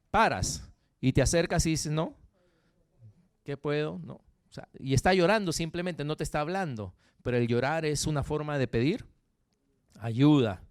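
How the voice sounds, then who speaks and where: Peruvian male pastor, lively and jokey delivery, slightly high, smooth tone. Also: dry recording, clean studio sound. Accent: Peruvian Spanish. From Peru. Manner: animated, jokey, frequent tag questions to the congregation. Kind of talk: sermon.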